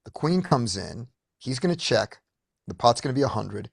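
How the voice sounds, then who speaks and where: A man's voice: mid-range voice, sing-song, normal speed, creaky, husky, no room sound. Male study-group coach on a video call, dry sound, explains step by step. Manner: upbeat, explains step by step with frequent restarts. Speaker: poker study group leader. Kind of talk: casual teaching discussion.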